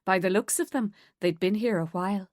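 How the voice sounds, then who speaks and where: Woman reading a thriller audiobook, steady and measured, dry close sound. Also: mid-range voice, no echo. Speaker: audiobook narrator. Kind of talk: scripted narration.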